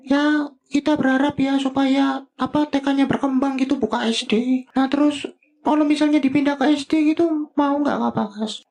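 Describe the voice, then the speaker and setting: A man voicing a high, squeaky co-host sidekick who asks eager questions in a podcast chat. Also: steady tone, normal speed, vocal fry, a little mellow. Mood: chirpy.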